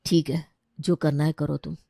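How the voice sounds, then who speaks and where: A sullen, resigned young son in a cartoon story, voiced by a woman who pitches her voice down. He speaks flatly and grudgingly. The sound is dry and close. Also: moderate pace, vocal fry, husky, no room sound, heavily acted. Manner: flat and sullen.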